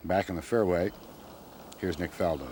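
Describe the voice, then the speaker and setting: A man giving live golf broadcast commentary in measured, clipped phrases with pauses. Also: deep voice. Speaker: golf commentator, lead announcer on a hole. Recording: crowd and outdoor noise behind broadcast. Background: golf course crowd and outdoor ambience.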